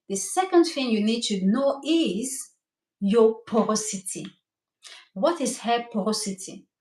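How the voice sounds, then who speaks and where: A middle-aged Cameroonian woman, a native French speaker with a Cameroonian French accent, works as a hair coach and cosmetologist and is teaching hair care on a live stream. Her voice sits a little high and the room is echoey. She is eagerly enthusiastic and keeps checking in with her listeners.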